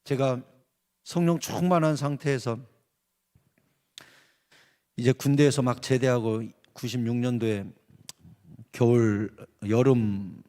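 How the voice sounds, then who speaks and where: A man's voice: medium pitch, fairly even intonation, takes it slowly, long pauses, dark tone. A middle-aged man preaching at a revival meeting. He preaches emphatically and dramatically and acts out the voices he quotes. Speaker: pastor. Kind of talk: revival sermon. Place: church sanctuary. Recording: reverberant church hall.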